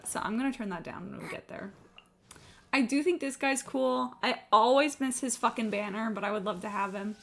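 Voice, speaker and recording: This woman, a live game streamer, rambles casually, cursing and running herself down. She has a slightly high voice with a fairly bright tone, and game music is audible in the background.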